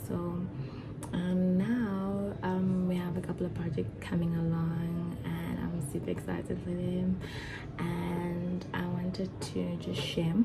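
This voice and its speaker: Young woman vlogger, low even voice, nervous chatty delivery, music bed. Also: poor audio. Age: 20s. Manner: chatty, excited, nervous, with many fillers and restarts. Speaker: vlogger and foundation founder. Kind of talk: casual talk to camera.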